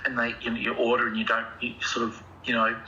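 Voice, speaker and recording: A man playing an anxious, softly spoken therapy patient who talks hesitantly and meanders. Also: medium pitch, monotone, fast talker, lo-fi sound, slight background noise. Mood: earnest. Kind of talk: improvised comedy dialogue.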